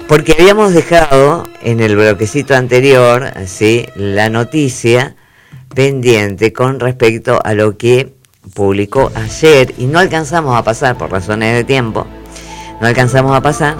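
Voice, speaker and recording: A man with a medium-pitched voice hosts a radio talk show, with faint music in the background. In a chatty news segment, he tells stories playfully and at length, full of asides.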